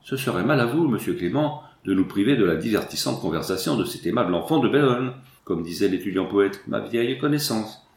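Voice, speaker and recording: A man's voice: on the low side, expressive, brisk, hardly any pauses, darkish tone, echoey room. A man voicing a coquettish young woman with a polite, teasing manner.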